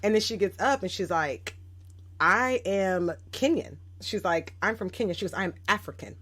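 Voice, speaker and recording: At medium pitch and normal speed, a guest educator in her thirties tells stories on a casual podcast. She's reflective overall and animated when she quotes others.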